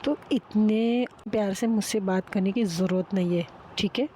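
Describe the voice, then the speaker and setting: Woman doing a snappy young woman, scolds fast and sarcastic, faint noise behind. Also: mid-range voice, mellow, natural voice. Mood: scolding.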